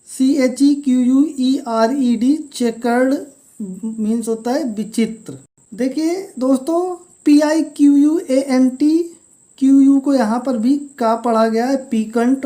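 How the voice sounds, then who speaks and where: A woman teaching English pronunciation in a classroom-style lesson. She spells each word out letter by letter and then explains what it means, slowly and patiently. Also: a little high, dark tone. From India.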